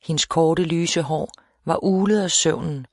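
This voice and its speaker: A woman reading a novel aloud as an audiobook narrator, in a steady, measured storytelling manner. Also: deep voice, creaky, no room sound, clean studio sound. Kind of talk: scripted narration.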